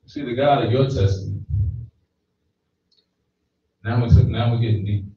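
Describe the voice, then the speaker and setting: A medium-pitched, dark-toned male preacher in his thirties speaks at a measured pace during a sermon in a small church hall, mic in hand. His conversational delivery features frequent "right?" checks, recorded in an echoey, distant, slightly dull room with a little hiss or hum.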